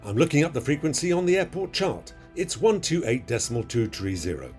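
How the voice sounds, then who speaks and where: A man's voice: a little high, very animated, a little fast, a little mellow, soft background music. A man narrating in a scripted, explanatory voice-over with an instructive manner. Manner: instructive, quizzing the viewer. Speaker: flight video narrator.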